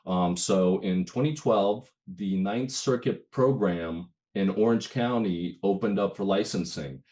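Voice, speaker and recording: A man's voice: low voice, measured pace, dark tone. A man in his thirties from Ukraine, giving a casual webinar talk over a video call while getting over a cold, with many fillers and restarts. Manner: conversational, with frequent fillers and restarts. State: has a cold, itchy throat. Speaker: presenter at a bar webinar.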